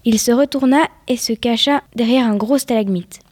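A woman's voice: a little high, normal speed, darkish tone, husky, no room sound. A woman reading a suspense story aloud, sometimes sinking into a whisper at tense moments. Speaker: story reader.

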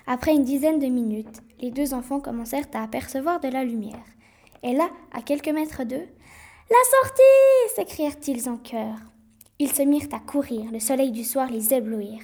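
A woman narrating a children's story aloud, with clear and expressive reading. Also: sits high.

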